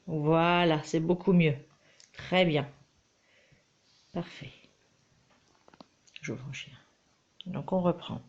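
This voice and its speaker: A woman's voice: deep voice, steady tone, takes it slowly, long pauses. A woman teaching her child to read at home, patient and coaxing, recorded on a dull, lo-fi mic. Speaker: homeschooling mother. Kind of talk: reading lesson with a child.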